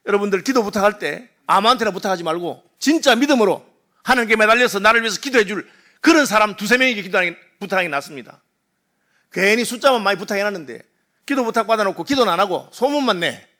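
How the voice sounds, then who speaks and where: High, bright-voiced Korean pastor preaching. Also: male voice, quick pace. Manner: animated storytelling, acting out crowd and mourners. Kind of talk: sermon. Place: church sanctuary.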